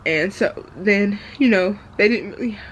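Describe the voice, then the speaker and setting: A woman's voice: mid-range voice, a little slow. Hesitant woman confiding in a vlog, faint noise. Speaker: vlogger. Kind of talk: raw confessional vlog talk.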